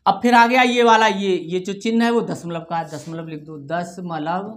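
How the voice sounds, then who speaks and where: A woman's voice: mid-range voice, normal speed. A woman teaching a primary school maths lesson to children, patiently repeating each number digit by digit and often checking whether they follow. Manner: keeps checking in with "theek hai".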